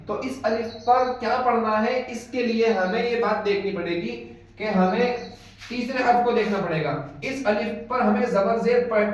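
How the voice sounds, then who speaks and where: A man teaching rules of Quran reading in an online lesson, patiently repeating each rule several times. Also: high voice. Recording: echoey, dull, distant mic.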